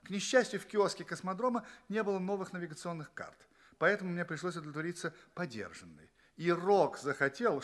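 An actor gives theatrical narration for an audio play, taking on the role of a polite, earnest space traveller who tells of his adventures with dramatic pauses. He speaks with a fairly high pitch and a fairly bright tone.

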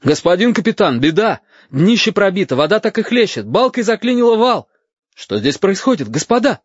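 A man's voice: on the high side, huge pitch swings, moderate pace, breathy edge, no room sound, pitched above the performer's own voice, heavily acted. A man voicing an alarmed adult ship mechanic reporting urgently, in an audiobook reading. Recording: dull, dry audiobook recording.

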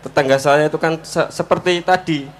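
A man giving a casual, joking speech to an audience, slow and halting with frequent fillers. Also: a little high, fairly even intonation. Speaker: speaker at a forum.

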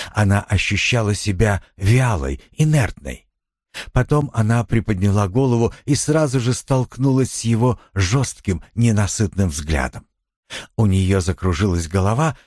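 A man reading a novel aloud as an audiobook narrator, in a measured, expressive storytelling manner. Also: lowish voice, no room sound, clean studio sound.

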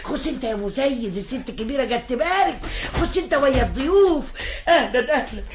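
Bossy egyptian village mom, bit high voice, faint hiss, old radio play. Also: female voice, expressive, very fast. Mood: fawning. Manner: scolding, then fawning to the lady. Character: bustling village mother, scolding and fawning. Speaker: the girl's mother. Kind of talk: 1960s Egyptian radio drama acting.

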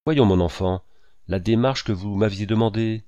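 A man's voice: fairly low pitch, mellow, close to an everyday voice. A man voicing a flustered chattering old society lady. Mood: fussy gushing. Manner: rushed, piling up phrases, repeating herself.

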